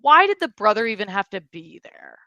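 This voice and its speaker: A woman's voice: mid-range voice, big pitch swings, fairly quick, sharp tone, dry recording. A young American woman co-hosting a podcast, chatting casually with rambling asides and frequent laughs. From United States. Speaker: podcast co-host. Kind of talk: casual chat. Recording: slightly dull lo-fi audio.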